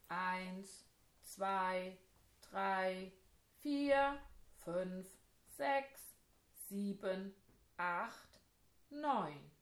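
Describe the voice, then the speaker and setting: A woman reading a children's story aloud, speaking clearly and addressing young listeners. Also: mid-range voice, echoey room. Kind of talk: scripted narration for children.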